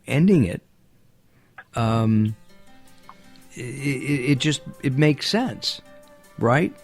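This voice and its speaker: A male radio host chats casually on his talk show, his voice sitting at an average pitch. He talks loosely, with plenty of fillers and restarts. Faint music plays underneath. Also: creaky. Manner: chatty, with frequent fillers and restarts.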